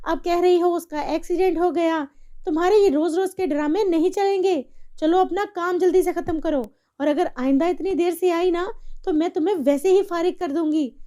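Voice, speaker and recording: A woman's voice: very high voice, warm tone. A woman voicing a strict, bossy rich mistress who scolds her maid in a cartoon story.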